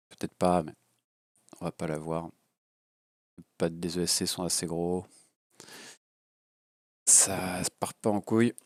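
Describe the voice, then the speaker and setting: A deep, gravelly male hobbyist with a cold rambles through an unscripted FPV drone product review, blunt and crude and full of fillers. There's no room sound and the quality is studio-like, though he uses a low-level home mic.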